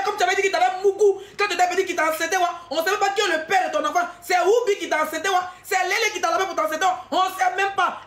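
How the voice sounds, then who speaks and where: A woman with an Ivorian French accent delivering a heated, taunting rant to the camera, often breaking into shouts. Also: extremely high pitch, reverberant.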